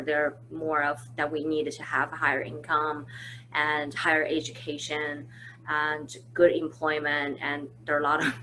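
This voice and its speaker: Her low-pitched, sharp voice comes through poor audio with a little background noise. The host, a marketing manager from China, leads a conversational business webinar from home in an easygoing way, often restarting and using fillers.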